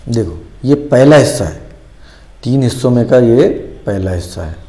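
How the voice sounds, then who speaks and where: A man's voice: medium pitch, mellow. A man teaching a math lesson, patiently repeating each step and answering his own questions.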